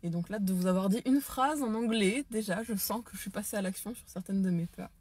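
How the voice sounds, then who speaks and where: A woman's voice: medium pitch, brisk, darkish tone, breathy edge, no room sound. A French-speaking woman hosting a casual live stream, enthusiastic but hesitant, with many fillers and restarts. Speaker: live stream host, dance and neurotraining teacher. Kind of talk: casual Facebook live talk.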